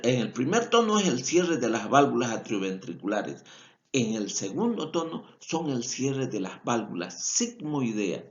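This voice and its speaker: A man's voice: medium pitch, muffled recording. A man with a Bolivian Spanish accent gives a veterinary lecture, explaining step by step and often repeating and correcting himself. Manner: explanatory, repeats key points, self-corrects. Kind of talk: recorded lecture over slides.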